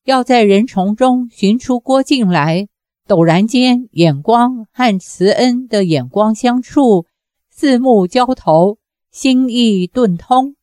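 Woman reading a novel aloud, slow and steady, dry close sound. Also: a little high, dry recording. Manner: measured, steady storytelling. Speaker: audiobook narrator. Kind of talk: scripted narration.

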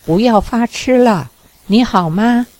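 A woman reading the lines of a smooth-talking bachelor on the phone, coaxing and then firm. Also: fairly high pitch, measured pace, a little mellow, dry recording, close to an everyday voice.

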